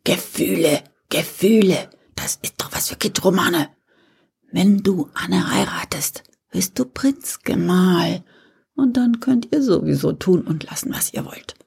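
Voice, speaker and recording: A woman voicing a scheming old king who speaks in a pompous, booming way and trips over his words. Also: expressive, a little slow, gravelly, a little mellow, slightly rough, full character voice. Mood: dismissive.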